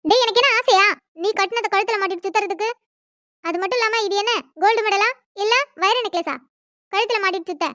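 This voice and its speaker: A defiant young bride in a cartoon drama, voiced by a woman. Her voice is very high and her retorts are hot and sarcastic. The sound is dry and close. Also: quick pace, fairly bright tone, no room sound, highs cut off.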